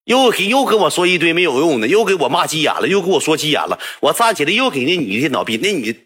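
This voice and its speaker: A man with a Northeastern Mandarin accent telling a story casually to livestream viewers, chatty and animated. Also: a little high, quick pace, breathy edge.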